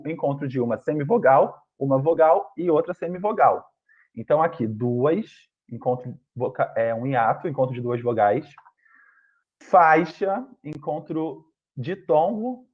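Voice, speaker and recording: A man teaching an online grammar lesson, explaining step by step and often checking in with his students. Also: a little high. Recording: dull lo-fi online class audio.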